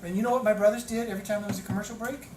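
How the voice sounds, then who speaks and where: A man in his fifties tells lively stories as he lectures a class of teachers. His voice carries from a distance in an echoey room. Steady noise hangs behind him. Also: high voice, racing. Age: 50s. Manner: animated storytelling, repeats words for emphasis. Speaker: teacher trainer. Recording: echoey room from far off, noisy.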